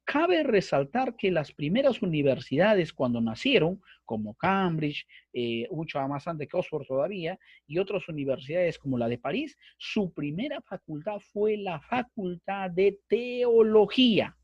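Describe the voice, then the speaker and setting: A man's voice: sits high, sing-song, a little slow, few pauses, a little mellow, breathy edge, dry recording, lo-fi sound. A man teaching a bible course online, explaining at length and repeating himself, with frequent fillers. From Peru. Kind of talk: online lecture. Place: online class with screen sharing.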